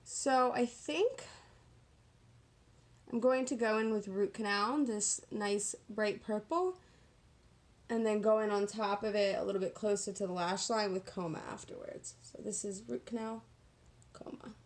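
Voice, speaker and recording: A woman's voice: mid-range voice, unhurried. Sassy woman chatting through makeup. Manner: sassy, slangy, self-deprecating. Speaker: makeup vlogger. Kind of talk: casual chatty get-ready-with-me tutorial.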